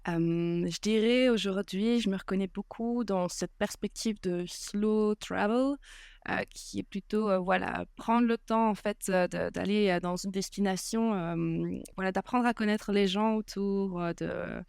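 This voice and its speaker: A woman, a podcast guest chatting casually and pausing often with fillers. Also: mid-range voice, fairly even intonation, creaky, a little mellow, clear, resonant tone, dry recording, clean studio sound. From Belgium. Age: 20s. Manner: hesitant, many filler pauses. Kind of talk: casual interview chat.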